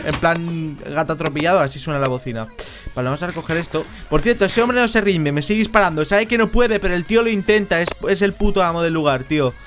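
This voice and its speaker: Chatty high-voiced Spanish gamer man. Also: fast talker, faint music behind. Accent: Spain Spanish. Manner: chatty, joking, bursts into shouts. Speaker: Minecraft gameplay YouTuber. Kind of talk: casual gaming commentary. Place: at home. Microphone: headset.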